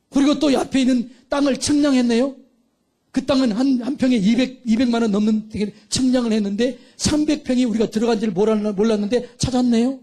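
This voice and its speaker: A man's voice: very high-pitched, darkish tone. A middle-aged male pastor preaching fervently, calling for amens and acting out little dialogues. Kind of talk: sermon. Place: church sanctuary.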